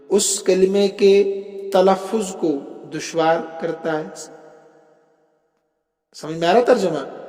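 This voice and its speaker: A man's voice: a little high, darkish tone. A male religious scholar giving a classroom lecture, explaining step by step and often asking the students whether they follow. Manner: explains step by step, often checks understanding with questions. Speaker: religious scholar teaching Arabic rhetoric. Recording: echoey room with long reverb, faint music.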